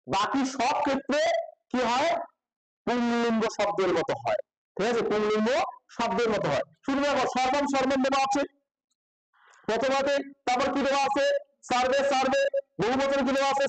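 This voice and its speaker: A man's voice: very high-pitched, rough recording. A man teaching a grammar lesson to a class in style speech, constantly asking questions and repeating the answers.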